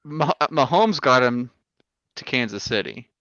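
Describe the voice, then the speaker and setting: A man's voice: medium pitch, lively intonation, measured pace, a bit bright, no echo. Man, speakerphone-like tinny mic, dry close sound, rambling chat with restarts. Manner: rambling, with frequent restarts and fillers. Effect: thin, tinny mic that sounds like a speakerphone or intercom. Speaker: friend in a group call. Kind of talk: casual group chat over an online call. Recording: thin, dull mic sound.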